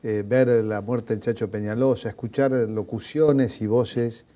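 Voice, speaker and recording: A man leads a cultural conversation, explaining his ideas at length. His voice sits at an ordinary pitch with a warm, mellow color. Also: fairly even intonation, unhurried. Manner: reflective, discursive, explanatory. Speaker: interviewer.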